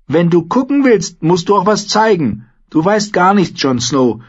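A man voicing a bold, teasing young wildling woman warrior, raised high and blunt in manner. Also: sing-song, unhurried, breathy edge, highs cut off, full character voice. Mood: demanding. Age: 19 (figure).

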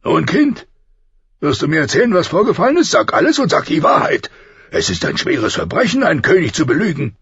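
A man voicing a burly, hot-tempered king who thunders his commands loudly. The recording sounds slightly dull. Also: fairly high pitch, wildly swooping pitch, measured pace, gravelly, husky, dry recording, pitched above the performer's own voice, exaggerated voice. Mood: furious.

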